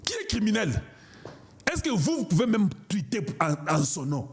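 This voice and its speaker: Husky and high, the voice belongs to a Congolese man from the DRC who comments on politics online. At a moderate pace and with big pitch swings, he delivers a fervent political monologue, emphatic and declamatory, repeating things for effect.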